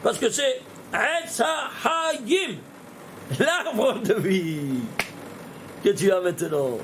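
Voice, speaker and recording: A man teaching a Torah lesson as a rabbi, lively and questioning, talking straight to his listeners. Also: very high-pitched, very slow, noisy background. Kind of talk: animated Torah lesson with gematria.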